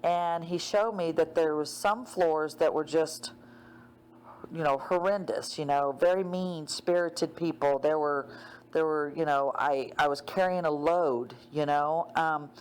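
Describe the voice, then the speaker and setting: A woman with a notably low voice talks through a dream she had, in a loose, rambling, casual way. She leans on fillers like "um" and "like" and. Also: a little slow, clean tone. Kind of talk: casual spoken retelling of a dream.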